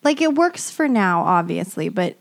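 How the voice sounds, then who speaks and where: A woman's voice: fairly low pitch, very animated, moderate pace. A woman co-hosting a podcast, chatting casually and chiming in with teasing quips. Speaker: podcast co-host. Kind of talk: casual chat.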